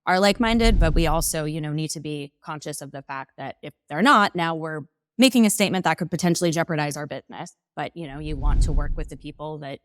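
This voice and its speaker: A woman who co-owns a business, speaking in a measured, reflective way as an interview guest, often checking in with "you know" and "right?". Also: low-pitched, a little hiss or hum. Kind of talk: casual conversational interview.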